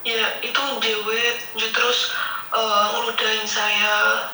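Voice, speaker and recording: Woman caller, unsure, lots of ums, super bright tone, echoey far-off call. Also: fairly high pitch, level tone, takes it slowly. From Indonesia. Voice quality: hesitant, many fillers. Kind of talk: hesitant complaining. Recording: distant echoey call with faint noise.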